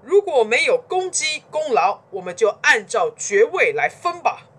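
A stubborn, self-important ancient duke who declaims every line loudly and grandly, as a woman storyteller puts him on. His pitch swings widely as he lectures, in a storybook told to children. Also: very animated, unhurried, husky, exaggerated voice. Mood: proud. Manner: lofty, declaiming, loud.

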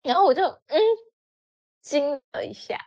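Animated woman telling a story, lo-fi audio. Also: unhurried. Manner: animated, acts out friends' lines with sudden pitch jumps. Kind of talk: casual storytelling chat. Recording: dull lo-fi audio.

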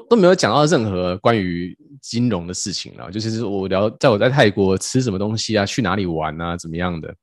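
Casual podcast host, man, lively storyteller, dry close sound. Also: low-pitched, dry recording. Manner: animated, laughing, acts out quotes.

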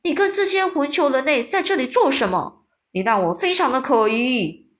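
A woman voicing a brutish, man-eating male giant in a children's storybook reading, shouting and gloating. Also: a little high, big pitch swings, normal speed. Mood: snarling.

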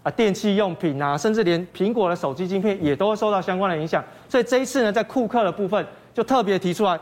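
A man's voice: high voice, quick pace. A man with a Taiwanese Mandarin accent giving financial commentary as a guest analyst, explaining step by step and posing questions he then answers.

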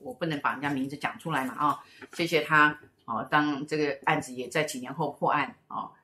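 A woman's voice: deep voice, fairly even intonation, fairly quick, bright, forceful tone. A middle-aged woman, co-hosting a casual chat show and telling stories in a rambling way, with many fillers and repeated words. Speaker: co-host and spiritual teacher. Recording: roomy echo.

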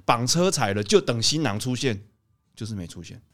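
Animated, laughing man telling stories. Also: medium pitch, moderate pace. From Taiwan. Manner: animated, laughs often, lively storyteller. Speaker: podcast co-host, wedding photographer. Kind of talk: casual storytelling chat.

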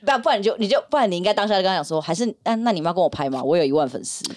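Woman podcast co-host; animated storyteller, swoopy pitch, quick delivery, dry close sound. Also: dry recording. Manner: animated storytelling, acting out quotes. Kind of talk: casual podcast chat.

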